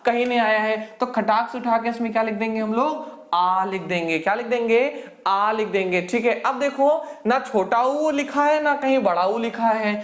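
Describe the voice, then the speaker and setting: A woman with a fairly high voice teaches a grammar lesson for an exam. She drills each point over and over, firing rhetorical questions at the class and answering them herself. Her voice rings with a noticeable room echo. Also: moderate pace. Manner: repeats points and quizzes listeners with rhetorical questions. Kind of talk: exam-prep lecture. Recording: roomy echo.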